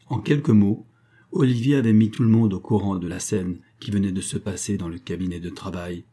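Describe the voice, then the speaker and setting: A man narrating an audiobook in a steady, measured reading style. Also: low voice, breathy edge. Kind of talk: scripted narration.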